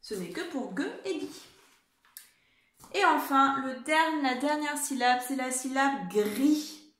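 A woman teaching a spelling lesson to young children at home, dictating slowly and carefully and encouraging them. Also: high voice, animated, a bit bright. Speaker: primary school teacher. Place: room at home. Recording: echoey room.

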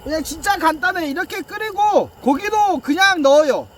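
A man's voice: very high-pitched, lively intonation, moderate pace, slight background noise. A man chatting casually as he narrates his own cooking and eating vlog. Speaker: mukbang vlogger.

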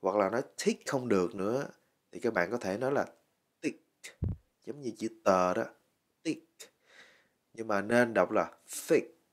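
A man teaching a language lesson, slowly and patiently drilling words with many repetitions. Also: lowish voice. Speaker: English teacher.

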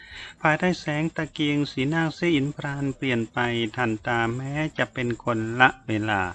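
A man narrating a novel in a steady, measured storytelling voice. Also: mid-range voice. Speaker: audiobook narrator. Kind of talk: novel reading.

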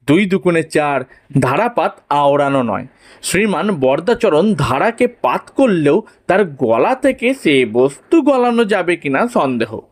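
A man narrating a humorous story in a measured, playful way. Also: a little high.

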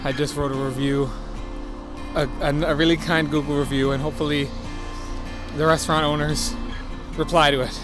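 A young man talking casually and excitably to the camera from inside a car. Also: fairly high pitch, normal speed, pauses often, music in the background. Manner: excitable, upbeat.

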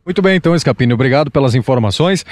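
This field news report comes from a young man with a Brazilian Portuguese accent, out on a dirt road for local radio and web TV with a masked handheld mic. His mid-range voice is animated and darkish, with no echo, and his brisk reporting includes filler restarts.

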